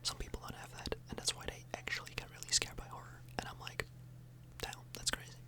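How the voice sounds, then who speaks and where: Rapidly whispering with breath and no voice, an ASMR host keeps her mouth close to the mic. Her informal rambling carries a little hesitation.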